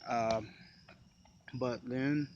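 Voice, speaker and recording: A man's voice: mid-range voice, fairly even intonation, drawn-out words, a little mellow, highs cut off, a little hiss or hum. Casual rambling man vlogging. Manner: loose, rambling, filler-heavy. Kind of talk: casual recap talk.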